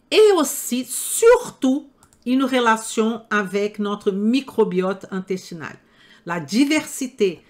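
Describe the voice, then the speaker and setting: An older woman whose first language is not French, lecturing health professionals in an emphatic way, full of rhetorical questions. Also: medium pitch. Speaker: nutrition trainer. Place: room with live audience.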